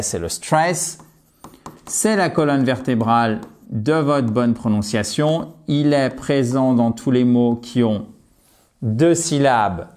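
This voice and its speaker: A man teaching English vocabulary in a lesson, lively and enthusiastic, repeating words slowly for pronunciation. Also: mid-range voice. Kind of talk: language lesson.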